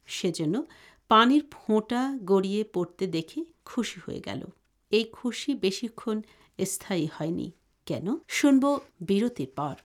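A woman co-hosting a radio program and narrating a folktale in a steady, even voice. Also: mid-range voice, a little slow. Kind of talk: storytelling narration.

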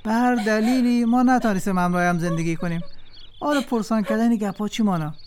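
A man with an Afghan Dari accent playing a husband who defends himself and tries to calm his wife in a drama. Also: high-pitched, a little hiss or hum, close to an everyday voice. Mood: placating. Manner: coaxing, defensive.

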